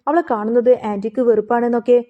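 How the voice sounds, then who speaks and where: A woman's voice: fairly high pitch, steady tone, fast, natural voice. A woman voicing a sly young man who teases his aunt. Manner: teasing, sly. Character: young man, mocking nephew playing a trick. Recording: phone-like narrow sound.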